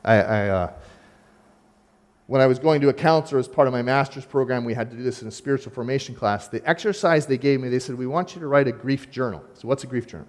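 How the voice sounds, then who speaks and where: A man preaching a sermon as pastor, animated and speaking straight to his congregation, acting out the voices he quotes. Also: medium pitch, fast talker. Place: church sanctuary. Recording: long hall reverb.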